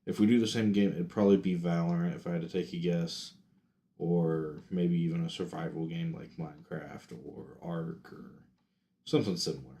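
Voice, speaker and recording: A young English-speaking streamer talks casually over his game, thinking aloud with fillers and restarts. He has a low-pitched, dark-toned voice at a moderate pace, while faint music and keyboard typing sound behind him.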